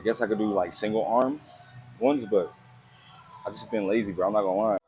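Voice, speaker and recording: A man's voice: lowish voice, fairly quick, a little mellow, rough recording. Gym bro man vlogging over music. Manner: gym bro, slangy and profane. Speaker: fitness vlogger. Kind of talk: casual workout vlog talk. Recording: music playing behind the voice.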